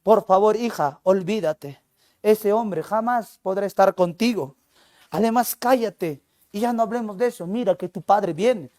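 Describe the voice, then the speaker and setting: A worried queen mother who comforts and then quiets her daughter in a soft, hushed voice, as a man puts her on. The sound is dry and close. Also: high voice, a little slow, dry recording.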